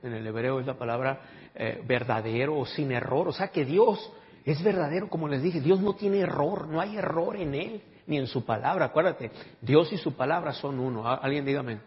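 A pastor preaching a sermon, emphatic and calling on the congregation for responses. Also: male voice, mid-range voice, moderate pace. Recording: dull audio with long hall reverb.

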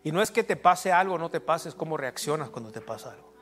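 A man's voice: on the high side, animated, fast talker. A middle-aged man preaching a sermon as pastor, in a casual joking way, breaking into short prayers and amens. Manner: informal, joking asides with prayer interjections. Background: soft instrumental music.

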